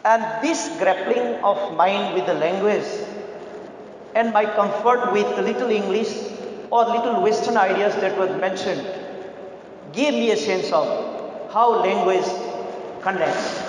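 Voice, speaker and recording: A man from Nepal speaking, giving a formal, measured talk as a literary critic on a festival panel. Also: sits high. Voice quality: measured, deliberate delivery with pauses. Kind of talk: formal conference speech. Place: large conference hall. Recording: very echoey hall, faint noise.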